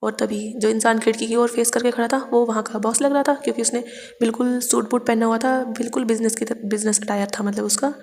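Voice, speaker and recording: A woman's voice: fairly high pitch, steady tone, brisk, a little mellow, long reverb tail. A woman casually retelling a fan fiction story, talking in a conversational way with many small restarts. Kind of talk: casual story recap narration.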